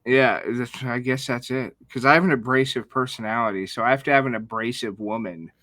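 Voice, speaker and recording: Bright-voiced crude joking man. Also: mid-range voice, fairly even intonation, brisk, dry recording. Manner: crude, joking, swears a lot. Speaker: podcast co-host. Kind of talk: casual crude chat.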